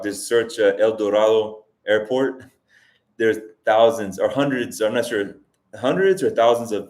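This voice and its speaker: An immigrant living in Colombia, this host in his forties runs a casual livestream Q&A in a fairly low, slightly mellow voice. He rambles, thinking aloud and often starting over.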